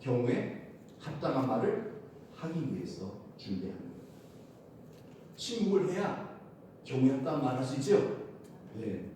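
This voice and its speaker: A man preaching a sermon as pastor, lively and playful, often laughing and calling out to the congregation. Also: normal speed, pauses often. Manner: animated, shouts acted crowd cries, laughs often. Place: church sanctuary. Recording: loud echo, from far off, faint rumble.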